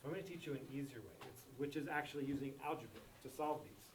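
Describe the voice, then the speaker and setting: A man's voice: medium pitch, quick pace, a little hiss or hum. A man teaching a math lesson to a class, repeating key points and checking that students follow. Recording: echoey classroom from far off.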